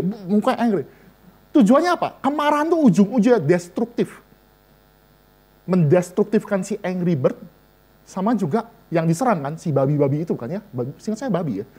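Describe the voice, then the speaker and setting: Lively, joking male preacher. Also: sits high. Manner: lively, joking, addresses listeners directly. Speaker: vicar preaching to a women's and seniors' Bible study. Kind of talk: sermon.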